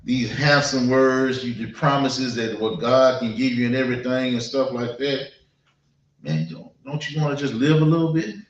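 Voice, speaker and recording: This is a public address by a U.S. preacher whose mid-level voice reaches a far-off mic in a flat, reverberant space. He talks casually, stopping and starting, circling back over points, and frequently checking that the audience is following.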